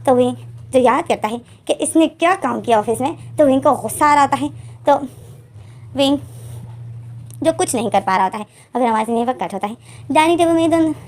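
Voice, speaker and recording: Woman narrating a fanfic story, high voice, steady and explaining. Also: a little fast, pauses often. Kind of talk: retelling a fan-fiction story.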